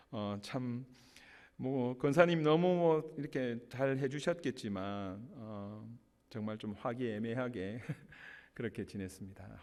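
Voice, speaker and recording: Male pastor, mid pitch, storytelling sermon, big church hall reverb. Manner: storytelling with warm anecdotes and light laughs. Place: church sanctuary.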